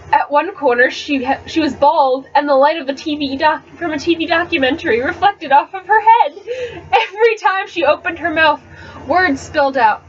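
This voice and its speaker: A woman reads a first-person novel aloud as an amateur, expressive and theatrical, stumbling over words now and then. Her voice sits high, and her webcam mic gives dull, slightly noisy audio.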